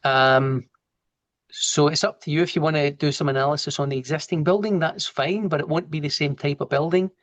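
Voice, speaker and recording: Speaking fairly quickly in a slightly high voice, a Glaswegian software trainer with a broad accent runs a laid-back online class by video call, narrating every step as he goes and fielding questions.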